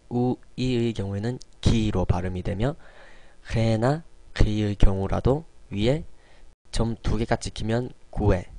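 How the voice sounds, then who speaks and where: A man with a fairly low voice teaches in a recorded online lesson. He explains patiently, step by step, and often opens with a soft "yes" before slowly sounding out example words. The recording is dry and close, with little room sound. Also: dry recording. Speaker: Spanish teacher.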